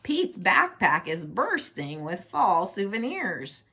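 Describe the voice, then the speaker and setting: A woman reading a children's picture book aloud, playful and expressive, with chatty asides and questions to the listener. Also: medium pitch, takes it slowly, breathy edge.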